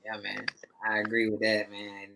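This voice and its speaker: A man's voice: lowish voice, monotone, moderate pace, vocal fry, noisy background. A man hosting a casual podcast, introducing guests in a hype, slangy way. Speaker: podcast host.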